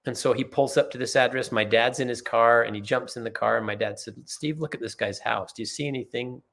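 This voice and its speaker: Chatting on a podcast, this Utah man shares sincere, meandering anecdotes about his family, performing the quoted lines as he goes. He talks a little fast with vocal fry, at medium pitch and with a fairly bright tone.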